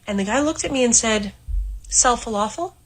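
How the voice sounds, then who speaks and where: A woman from Canada, a former financial advisor, telling a story in steady detail. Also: a little high, quick pace, slightly rough, low-quality recording. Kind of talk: storytelling clip.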